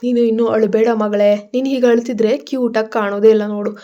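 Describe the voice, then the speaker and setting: A woman voicing a protective mother in a spoken story, firm when scolding and gentle when soothing. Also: fairly high pitch, steady tone, quick pace, lo-fi sound, close to an everyday voice. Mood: tender.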